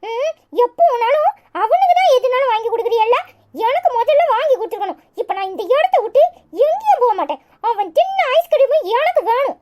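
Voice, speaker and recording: A woman's voice: very high voice, sing-song, fairly quick, heavy background noise. A woman voicing a feisty, stubborn little village girl with a Kanyakumari Tamil accent, arguing sarcastically in a cartoon. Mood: indignant. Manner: sharp, argumentative, sarcastic retorts. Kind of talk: cartoon voice acting.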